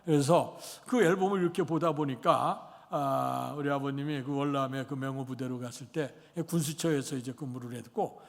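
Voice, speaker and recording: A man's voice: medium pitch, steady tone, normal speed, vocal fry, hardly any pauses. A man in his sixties preaching a Sunday sermon as pastor, rambling through an anecdote with many fillers. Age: 60s. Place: church sanctuary. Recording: long church hall reverb.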